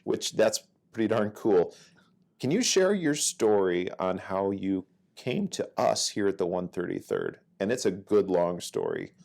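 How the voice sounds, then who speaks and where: Deep-voiced man hosting an interview. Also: sing-song, creaky, darkish tone. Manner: friendly, asks measured questions. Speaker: interview host. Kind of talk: conversational interview.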